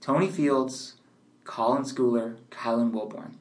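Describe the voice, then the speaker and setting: A man co-hosting a casual sports talk show, measured and analytical, leaning on "you know" fillers. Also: medium pitch, steady tone. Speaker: sports podcast co-host.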